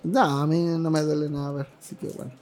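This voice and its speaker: A man with a Mexican accent, a co-host on a casual podcast, who throws in quick, crude wisecracks. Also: on the high side, little pitch movement, a little mellow, soft background music. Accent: Mexican Spanish. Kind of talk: casual chat.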